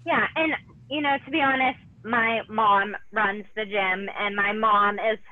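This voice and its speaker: A woman's voice: mid-range voice, fairly even intonation, slight background noise. A woman in her thirties speaks over a thin, phone-like line. Her speech halts and restarts often, and she sounds on the edge of tears. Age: 30s. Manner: halting, many restarts and fillers. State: tearful. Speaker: interview guest, former gymnast. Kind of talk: emotional personal interview.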